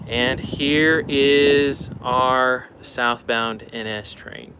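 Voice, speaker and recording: A man's voice: medium pitch, steady tone, extremely slow, noisy background. Chatty man hosting a live stream. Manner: chatty, answers viewer questions offhand. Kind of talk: casual live-stream chat. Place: outdoors beside railroad tracks.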